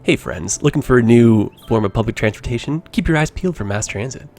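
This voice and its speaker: A booming radio show announcer with a loud, dramatic delivery, as a male streamer puts him on. The pitch swoops up and down with plenty of life. Faint music plays behind him. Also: lively intonation, a little fast, lightly acted. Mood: smooth. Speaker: game streamer.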